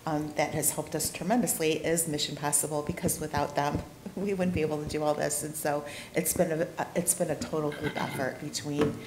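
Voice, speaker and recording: A woman in her forties speaks earnestly at a city council meeting, breaking off and restarting her sentences. Her voice is low. The desk mic sits in an echoey chamber with a faint hum. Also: fairly even intonation, a little fast, hardly any pauses. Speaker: cat rescue volunteer addressing city council. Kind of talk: public comment at a council meeting. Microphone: desk microphone, camera at a distance.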